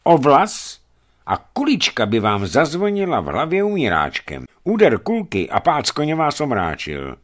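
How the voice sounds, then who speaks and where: A man voicing an excitable male expedition companion who talks emphatically. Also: mid-range voice, pitched above the performer's own voice. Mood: emphatic. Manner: emphatic, exclaiming.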